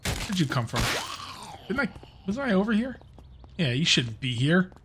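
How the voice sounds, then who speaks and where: This gaming YouTuber's voice sits high and swings widely in pitch at a moderate pace, with a noisy background behind him. He rambles casually through a let's-play, talking to viewers as he goes.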